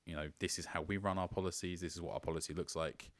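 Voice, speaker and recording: A man's voice: low-pitched, steady tone, fast talker. A man who organises a gaming club, chatting casually as a podcast guest, rambling and self-deprecating with frequent laughs. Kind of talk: casual interview chat.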